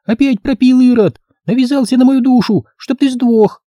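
A man's voice: very high-pitched, moderate pace, mellow, no room sound, studio quality, voice pushed up. A man voicing a small girl who shrieks and scolds while playing house. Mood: scolding.

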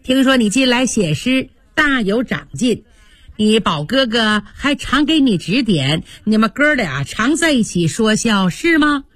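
A woman voicing a clever young lady who talks crisply and quickly. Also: fairly high pitch, big pitch swings, a bit bright, no room sound, exaggerated voice. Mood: probing.

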